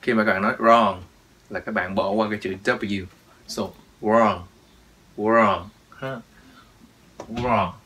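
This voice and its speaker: A man teaches English pronunciation, drilling each word and repeating it with stress. His voice is bright and somewhat low, and he speaks at an unhurried pace. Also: fairly even intonation, husky. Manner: drills words, repeats them with emphasis. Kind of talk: pronunciation lesson.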